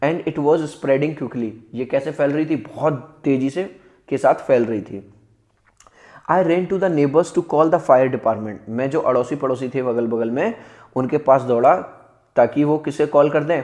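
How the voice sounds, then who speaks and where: A male teacher reads English textbook lines slowly and explains each one in casual, conversational Hindi, calling his students beta and bhai. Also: mid-range voice, darkish tone.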